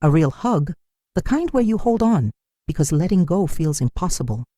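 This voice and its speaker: A woman reading a scripted first-person story in an even, measured way. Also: low voice, no room sound, clean studio sound.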